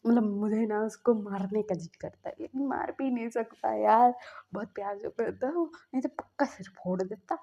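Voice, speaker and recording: A woman's voice: medium pitch, warm tone, dull audio. A woman casually retelling a fan fiction story aloud, chatty, slipping into the characters' lines as she goes. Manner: chatty, acts out the dialogue in quick asides.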